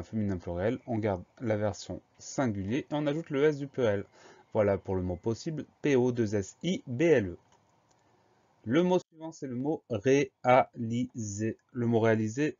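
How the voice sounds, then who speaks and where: A man with a French accent teaches spelling, spelling words out letter by letter in a slow, patient voice. His voice is low and mellow. The recording sounds dull and lo-fi. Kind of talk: spelling lesson, dictation.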